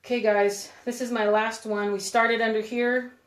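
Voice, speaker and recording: A woman's voice: fairly high pitch, little pitch movement, moderate pace. Chatty woman crafting live in an echoey room. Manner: chatty, rambling, giggly, talks while working with her hands. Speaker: craft video host. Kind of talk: live-stream crafting demo, chatting with viewers.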